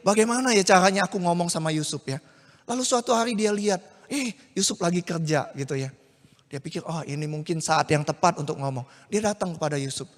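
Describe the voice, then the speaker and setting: A male preacher with a high voice tells a story animatedly, turning often to his listeners. He speaks in a church hall whose long reverb trails each phrase. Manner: animated, addresses listeners directly. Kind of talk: sermon with storytelling.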